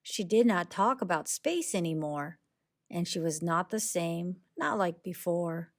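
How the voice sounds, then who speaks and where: A woman tells the story of a rhyming picture book for children in an expressive, unhurried, deliberate way, her pitch fairly low.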